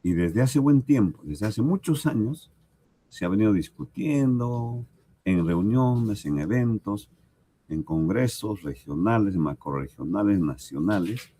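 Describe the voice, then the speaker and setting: A man with a Peruvian Spanish accent teaching a recorded language lesson, speaking slowly and deliberately, repeating examples and checking in with "right?". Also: deep voice, dark tone, breathy edge. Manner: slow, deliberate, repeats examples and asks "¿correcto?".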